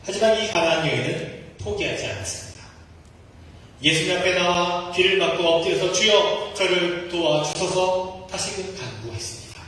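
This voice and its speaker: A man's voice: sits high, expressive, a little fast, fairly bright tone. A male pastor delivering a sermon in a church sanctuary, earnest and asking the congregation rhetorical questions. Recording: echoey hall from far off.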